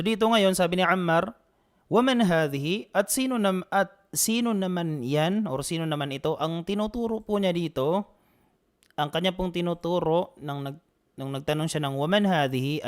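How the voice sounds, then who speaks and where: A man's voice: on the high side, clear, resonant tone. A man teaching an online Arabic lesson, patiently repeating and drilling phrases. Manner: answers students by name.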